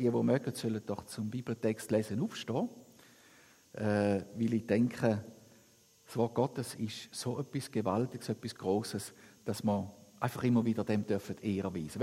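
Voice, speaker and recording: Husky-voiced preacher in an echoing church. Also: male voice, medium pitch, mellow. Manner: earnest, emphatic, repeats phrases. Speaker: pastor. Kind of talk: sermon with Bible reading and prayer. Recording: long reverb of a church hall.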